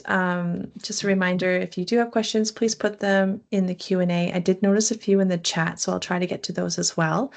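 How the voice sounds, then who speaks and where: A woman's voice: medium pitch, creaky. A woman hosting a charity webinar over a video call, friendly, with frequent ums.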